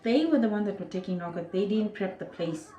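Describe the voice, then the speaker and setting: A woman's voice: mid-range voice, a little fast, roomy sound, a little hiss or hum, low-quality recording. A young woman with a Namibian accent, telling a personal story casually to her viewers and acting out moments. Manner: animated, acts out moments with quoted voices and sound effects. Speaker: vlogger.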